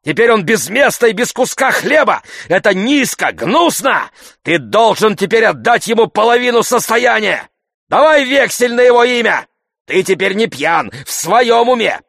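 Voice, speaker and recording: A man voicing a loud, bullying middle-aged male sponger who shouts abuse and blusters in a storybook reading. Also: sits high, big pitch swings, normal speed, vocal fry, no room sound, clean studio sound, voice pushed up, exaggerated voice.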